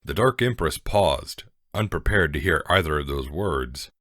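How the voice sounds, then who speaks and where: With a remarkably deep voice, a male narrator reads scripted storybook prose in an animated way at a measured pace. His tone is fairly bright, and the recording is dry with no room sound at all.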